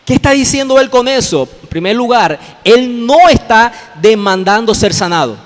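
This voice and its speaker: A man's voice: extremely high pitch, lively intonation, normal speed. A man with a Colombian accent preaching a sermon as pastor, explaining the text and addressing listeners directly, repeating phrases for emphasis. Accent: Colombian Spanish. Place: church hall. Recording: long reverb of a church hall.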